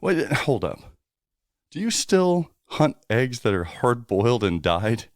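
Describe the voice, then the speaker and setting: A middle-aged man co-hosting a casual podcast chat, joking and breaking into loud, high exclamations. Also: sing-song, slow, no echo, clean studio sound. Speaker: podcast co-host.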